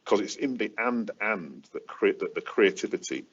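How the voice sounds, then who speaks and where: A man speaking as a webinar panellist, explaining his points in an emphatic, deliberate way. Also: on the low side, animated, husky. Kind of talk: webinar talk on leadership. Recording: dull, muffled webinar audio.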